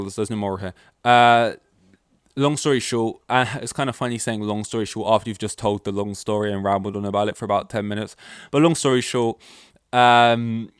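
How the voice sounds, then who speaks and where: A man's voice: lowish voice, clean tone, dry recording, studio quality. A young man hosting a solo podcast from home, rambling offhandedly and swearing casually. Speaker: podcast host. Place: at home with his dog. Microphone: desk mic, plugged in.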